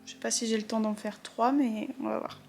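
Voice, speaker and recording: A woman's voice: a little high, fairly even intonation, fairly quick, creaky, darkish tone, faint music behind. A woman vlogger chatting casually about her drawing and reading, with fillers and half-whispered asides. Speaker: art vlogger. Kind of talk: casual chat.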